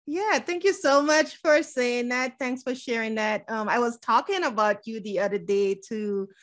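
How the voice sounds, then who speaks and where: A woman's voice: fairly high pitch, moderate pace. A woman hosting a podcast, welcoming and interviewing her guest in an effusive, gushing way with frequent "um" and "so". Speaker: podcast host.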